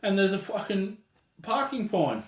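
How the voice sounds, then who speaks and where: Aussie bloke, slightly high voice, slangy and sweary podcast storyteller, echoey room. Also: male voice, big pitch swings, unhurried. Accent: Australian. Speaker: podcast co-host telling a gripe. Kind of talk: casual chat and storytelling. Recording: roomy, echoey sound.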